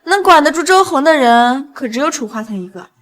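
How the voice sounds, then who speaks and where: An actress playing a young true heiress who speaks coldly, with scorn and authority. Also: female voice, sits high, lively intonation, a little fast, fairly bright tone. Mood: scornful. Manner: cold, scornful and commanding.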